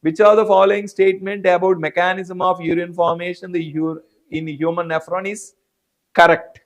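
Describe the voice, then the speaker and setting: Man, Indian English accent, high voice, biology teacher, live online class. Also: little pitch movement, normal speed. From South India. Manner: repetitive, addresses students by name.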